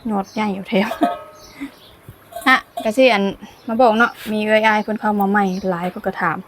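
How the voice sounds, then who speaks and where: A woman's voice: mid-range voice, steady tone, moderate pace, fairly bright tone, a little hiss or hum. Chatty Lao woman cooking outdoors. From Laos. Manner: chatty, laughs often while talking. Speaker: cooking vlogger. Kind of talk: casual cooking vlog chat. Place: outdoors in sunshine. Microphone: camera filmed by her niece.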